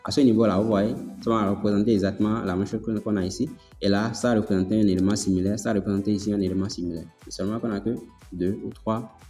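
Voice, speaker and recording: A man hosting a casual software tutorial, talking it through step by step, repeating himself and checking in with his listeners. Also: on the low side. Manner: chatty, filler-heavy explaining. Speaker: tutorial host. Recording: echoey room, long reverb, faint music.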